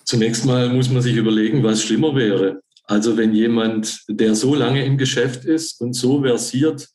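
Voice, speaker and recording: A male guest commentator answers at length, thinking aloud with hesitant restarts and fillers. His voice carries a noticeable room echo, and his pitch stays in the ordinary male middle. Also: fairly even intonation, moderate pace, darkish tone. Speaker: newspaper author, guest. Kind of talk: analytical conversation.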